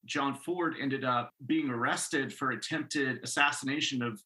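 Bright-voiced man, rambling podcast host. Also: mid-range voice, a little slow, low-quality recording. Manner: rambling, filler-heavy, swears casually. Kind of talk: casual chat recounting a mystery.

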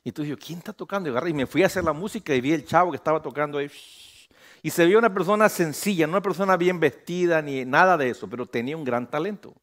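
A pastor preaching a sermon on a church stage, animated, slipping English phrases in and building to loud emphatic peaks. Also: male voice, fairly high pitch, fast talker. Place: church stage under bright lights.

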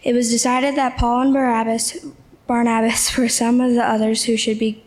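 A woman's voice: fairly high pitch, little pitch movement, normal speed, darkish tone. A woman reading scripture aloud as a church lector, in a plain and formal way with the odd stumble.

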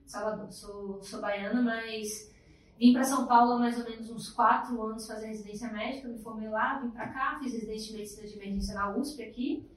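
A woman's voice: on the high side, fairly even intonation, fairly quick, recorded from a distance. Chatty young woman, echoey room. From Bahia, Brazil. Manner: chatty, upbeat storytelling. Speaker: guest, emergency doctor. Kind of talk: casual podcast chat. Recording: roomy echo, off-mic.

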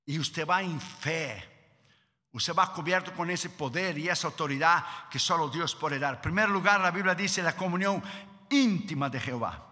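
A male preacher with a high, strikingly bright, piercing voice, delivering a dramatic sermon. He shifts between emphatic declarations and hushed, lowered asides. The sound rings with a long church hall reverb. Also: moderate pace. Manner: dramatic, acts out quotes in lowered voices, drops to a hush.

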